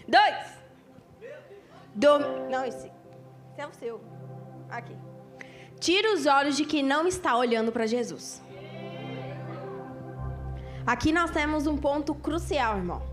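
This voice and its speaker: A woman pastor, preaching on a church stage in an animated way and acting out scenes. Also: high-pitched, takes it slowly, long pauses. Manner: animated, acts out scenes, emphatic. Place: church stage before a congregation. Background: music.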